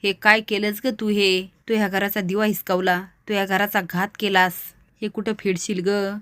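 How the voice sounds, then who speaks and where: A woman's voice: medium pitch, little pitch movement, normal speed, fairly bright tone, smooth, no echo, close to an everyday voice. A woman reading out the lines of a grieving, furious elderly grandmother who scolds and accuses. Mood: scolding.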